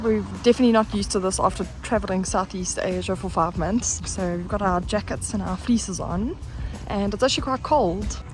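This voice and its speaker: A woman chatting cheerfully and quickly while vlogging outdoors in cold, rainy weather. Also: mid-range voice, a little mellow. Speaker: travel vlogger. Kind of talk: casual travel vlog chat.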